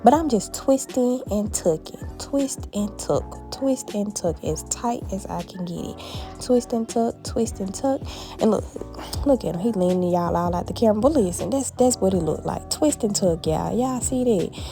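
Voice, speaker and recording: A woman's voice: mid-range voice, normal speed, soft background music. A woman vlogging a hair tutorial at a family home, chatty and playful, talking straight to her viewers. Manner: animated, playful, talks straight to viewers with "honey" and "baby".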